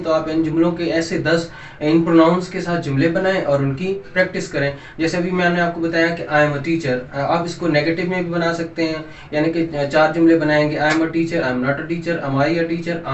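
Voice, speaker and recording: A man teaching an English grammar lesson, patiently repeating examples with polite asides. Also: fairly high pitch. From Pakistan. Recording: echoey room, distant mic, faint hiss.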